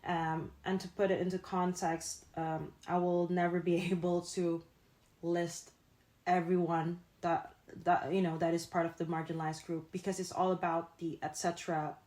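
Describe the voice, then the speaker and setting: A young woman from Indonesia hosts a casual podcast chat in a fairly low voice. She talks earnestly and keeps pausing on fillers as she gathers her thoughts. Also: flat delivery, a little mellow. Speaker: podcast host, founder.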